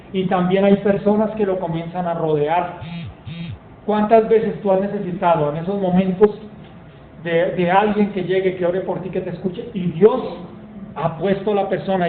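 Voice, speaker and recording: A man preaching a sermon, telling stories with emphasis and reading scripture aloud. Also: high-pitched. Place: church hall. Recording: tinny phone-like sound, echoey hall, faint noise.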